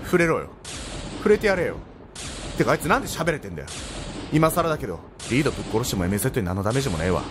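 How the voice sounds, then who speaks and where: A man commentating a video game in an excitable, loud, teasing way. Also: a little high. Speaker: let's play commentator. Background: loud game music.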